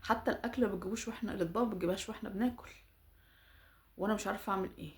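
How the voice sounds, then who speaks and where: Fast-talking Egyptian woman giving advice. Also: mid-range voice. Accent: Egyptian Arabic. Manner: animated, rapid, emphatic advice. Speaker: social media storyteller and advice giver. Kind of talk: casual chat retelling a follower's problem and advising.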